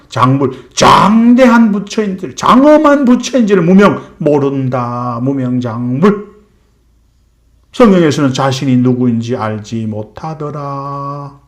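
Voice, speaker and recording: An older man giving a spiritual lecture, asking his listeners rhetorical questions and telling a folk tale. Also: medium pitch. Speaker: preacher.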